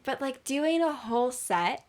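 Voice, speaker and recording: A young woman speaking as a guest on a podcast. Her voice sits a little high, and she talks hesitantly, with lots of fillers and frequent little laughs. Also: animated, unhurried. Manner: hesitant, many likes, giggly. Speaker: musician guest. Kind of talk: casual chat.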